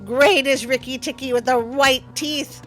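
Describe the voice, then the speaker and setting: A woman's voice: sits high, fairly even intonation, unhurried, fairly bright tone, soft background music, voice pushed up. A woman voicing a cheerful, feather-brained little male songbird in a storybook, exuberant and singsong. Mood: eager, chirpy.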